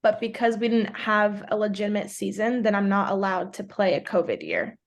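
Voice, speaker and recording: She's in her twenties, from New York, with Portuguese as her first language, and she sounds creaky and lively with a medium pitch and a fairly quick pace. As a podcast guest she keeps things chatty, saying "like" constantly.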